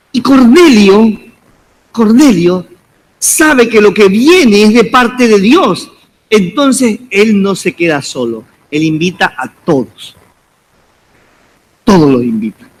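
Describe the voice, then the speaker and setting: A man preaching as pastor, repeating calls to the congregation and addressing them as brother. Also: high-pitched. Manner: preaching with repeated, rising exhortations. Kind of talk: sermon.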